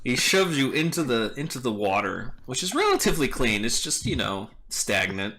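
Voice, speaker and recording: A man narrating as game master, relaxed and amused, explaining rules with fillers. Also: mid-range voice, normal speed, very noisy.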